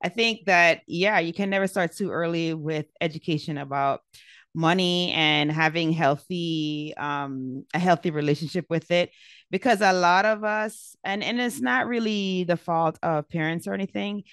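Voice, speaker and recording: A woman host introduces her guest with enthusiasm and keeps affirming what she says. Her voice is fairly low and smooth, recorded dry and close. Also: moderate pace, fairly bright tone, no room sound. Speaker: podcast host. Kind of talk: interview hosting.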